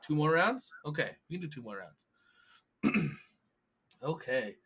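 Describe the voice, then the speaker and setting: A man's voice: on the high side, big pitch swings, slow pace, gravelly, fairly bright tone, slightly rough. A man running a tabletop game as game master, describing scenes in a loose, stop-start way with fillers.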